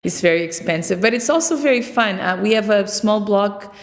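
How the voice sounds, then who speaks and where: A middle-aged winemaker from Portugal talks conversationally about her work in an interview. Her mid-range voice is expressive and a little fast.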